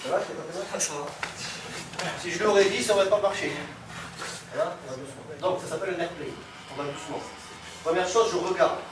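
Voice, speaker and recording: This male self-defense teacher speaks fairly quickly in a high-pitched voice, directing a live class and checking in with a frequent "okay?" The echoey hall and distant camera mic pick up noise behind him.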